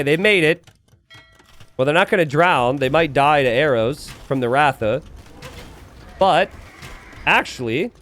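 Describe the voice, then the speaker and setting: Animated, high-pitched man commentating a game. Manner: animated, bursts into excited repeated exclamations; casual, joking. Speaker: esports commentator. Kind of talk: live game commentary to a stream chat. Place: indoors at a computer.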